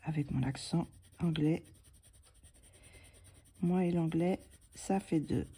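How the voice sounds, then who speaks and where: A woman giving a calm, soft-spoken coloring lesson, often dropping into a half-whisper as she explains each step. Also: low voice, slow pace, slightly rough. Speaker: drawing tutor.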